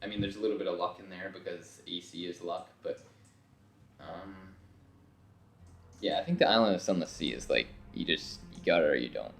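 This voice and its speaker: Young man, low voice, talkative gaming commentary, worn voice, occasional swearing, keyboard typing behind. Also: brisk, creaky. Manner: rambling, talkative, swears when frustrated. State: voice getting worn from talking. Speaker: gaming video host. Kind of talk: casual let's-play commentary.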